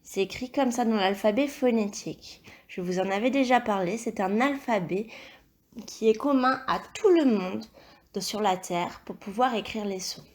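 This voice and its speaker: A woman teaching a recorded phonics lesson to young children, speaking slowly and carefully, repeating each word and praising the answers. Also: mid-range voice, a little mellow. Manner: slow, careful, encouraging, spells out sounds and syllables. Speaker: primary school teacher.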